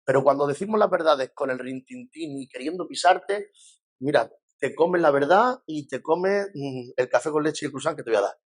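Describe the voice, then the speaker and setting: A man with a Spain Spanish accent teaches a church lesson in a talky, pastoral way. His voice sits a little high for a man, and he keeps slipping into the voices of people he quotes. He poses questions to his listeners and answers them himself. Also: normal speed, slightly rough. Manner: lively, acts out quoted voices, rhetorical questions.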